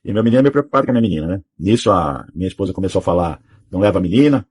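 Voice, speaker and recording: Man, thirties, husky voice, quick rambling testimony, checks in with listeners often. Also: sits low, animated, darkish tone. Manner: rambling, tags sentences with "sabe?" and "né?". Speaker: testimony giver. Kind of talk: personal testimony.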